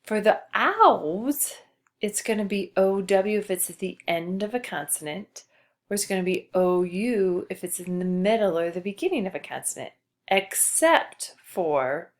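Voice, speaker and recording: A woman's voice: on the low side, animated. Patient woman teaching spelling. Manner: patient, explains slowly and spells out letters. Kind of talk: spelling lesson for a child.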